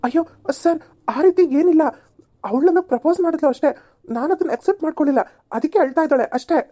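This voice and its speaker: A woman's voice: mid-range voice, fast talker, mellow, no echo, clean studio sound, lightly acted. A woman doing an exasperated cartoon young man. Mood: pleading. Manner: scolding, exasperated, pleading. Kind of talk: amateur cartoon voice acting.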